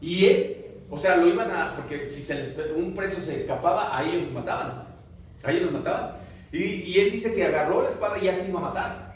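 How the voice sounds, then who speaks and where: A man preaching a sermon and leading a closing prayer, with sudden loud exclamations that give way to quiet, soft prayer. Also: high voice, fairly quick. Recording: very echoey room, voice far from the mic.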